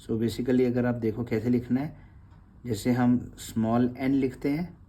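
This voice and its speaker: A man's voice: mid-range voice, steady tone, measured pace, dark tone, a little hiss or hum. A man teaching a spoken lesson on writing letters, patiently sounding them out and checking in after each word. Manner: patient, repeats sounds aloud, frequent "theek hai ji". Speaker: Gurmukhi teacher.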